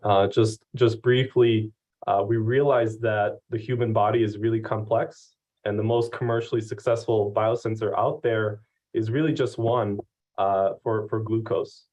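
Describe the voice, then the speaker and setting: A man's voice: on the low side, steady tone, unhurried, a little mellow. A young man introducing himself on a panel as a PhD student and startup founder, hesitant with many fillers. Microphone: video call. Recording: dull, lo-fi audio.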